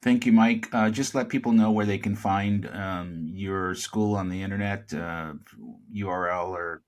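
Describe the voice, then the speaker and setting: A man hosting a podcast interview, asking long, halting questions with many fillers. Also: sits low, fairly even intonation. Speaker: podcast host.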